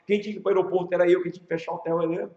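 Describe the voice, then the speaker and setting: High-voiced Brazilian man teaching. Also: racing. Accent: Brazilian Portuguese. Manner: animated storytelling with rhetorical questions. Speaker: pastor and leadership teacher. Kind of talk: casual classroom teaching. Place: church classroom. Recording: echoey room, muffled sound.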